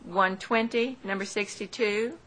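A woman's voice: medium pitch, steady tone, measured pace, a bit bright, rough recording. A woman working as an auctioneer at a live auction, reading out lot numbers and bids in a procedural way, digit by digit. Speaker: auctioneer at a property tax sale. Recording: live room recording with background noise.

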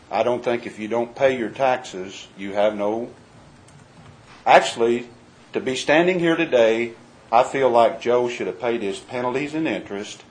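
A man's voice: medium pitch, a little hiss or hum, low-quality recording. A man speaking as a county official at a public meeting, cautious and deferring to the statute.

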